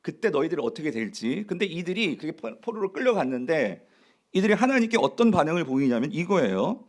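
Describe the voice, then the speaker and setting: A pastor delivers a Sunday sermon in a bright, fairly high voice that swings widely up and down. He presses his points with rhetorical questions thrown out to the congregation and leans hard on key words. The delivery is emphatic and lively throughout. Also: brisk. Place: church sanctuary.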